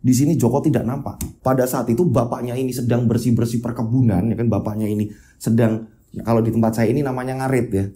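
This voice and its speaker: A man's voice: medium pitch, steady tone, quick pace, mellow. A man telling a horror story in a chatty, casual way, often tagging sentences with ya kan. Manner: chatty, repeats tags like ya kan.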